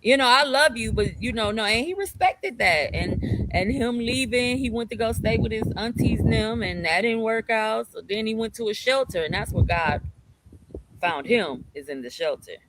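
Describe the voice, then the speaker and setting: A woman telling her own story as a guest in a casual conversation, animated and expressive, acting out quotes as she goes. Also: fairly high pitch, moderate pace, background noise.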